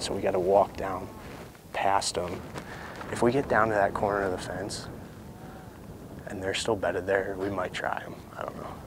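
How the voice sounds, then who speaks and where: A man's voice: sits low, noisy background. A man talking casually outdoors as a bowhunter on a hunt, informal and thinking aloud. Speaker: bowhunter filming his hunt. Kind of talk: casual unscripted hunting chat. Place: outdoors in open hilly country.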